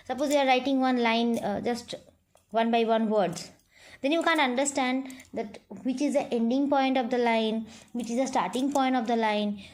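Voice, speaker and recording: A woman's voice: fairly high pitch, a little mellow. A middle-aged woman with an Indian English accent, teaching a grammar lesson online to children, patient and repetitive with frequent "you know" and "right?".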